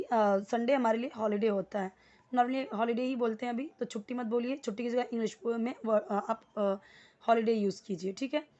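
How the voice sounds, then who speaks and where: A woman teaching spoken English in Hindi, explaining grammar step by step and repeating words slowly for learners to copy. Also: fairly high pitch, a little mellow. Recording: dull lo-fi recording.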